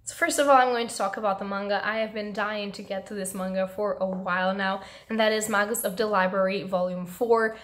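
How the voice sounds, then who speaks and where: A young woman hosts a casual book review at home. Her voice is hoarse, as if nearly lost, and sits at a middle pitch. She talks to the camera in an expressive, emphatic, chatty way. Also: a little fast, few pauses. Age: young adult. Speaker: book reviewer and channel host. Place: small home room with bookshelves, indoors.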